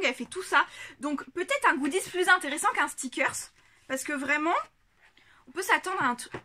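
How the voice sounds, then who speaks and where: A woman vlogger chatting casually to a camera on a tripod, giggling often and filling pauses with lots of hesitations. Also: high voice, sharp tone. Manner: chatty, giggly, many fillers. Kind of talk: casual unboxing chat.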